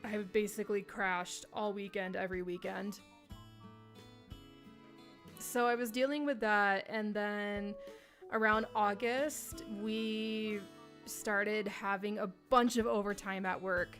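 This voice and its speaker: Slow-talking woman chatting on a livestream. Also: mid-range voice, steady tone, a bit bright, soft background music. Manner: chatty, greets viewers by name, many ums. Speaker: livestream host. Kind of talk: casual livestream chat.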